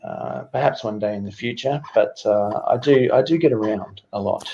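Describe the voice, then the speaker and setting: A man's voice: lowish voice, normal speed, gravelly, dull audio, slight background noise. A man with an Australian accent, talking casually and hesitantly as a guest in an online chat. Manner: relaxed, hesitant with many ums.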